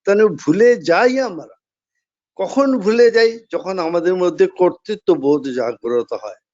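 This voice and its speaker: A man giving a measured devotional discourse, explaining and repeating key phrases as he goes. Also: sits high, a little mellow, lo-fi sound. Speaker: spiritual speaker.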